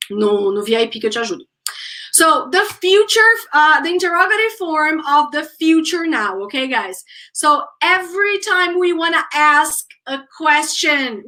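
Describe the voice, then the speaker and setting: A woman's voice: high voice, sharp tone, rough recording. A Brazilian woman teaching English in a live online lesson, mixing English and Portuguese, explaining step by step and checking in with her students. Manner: speeds up when explaining in Portuguese.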